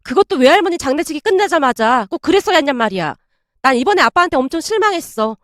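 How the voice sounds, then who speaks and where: A woman's voice: high-pitched, sing-song, fast talker, fairly bright tone, dry recording, studio quality. A woman narrating a family story in the first person with polite storytelling speech.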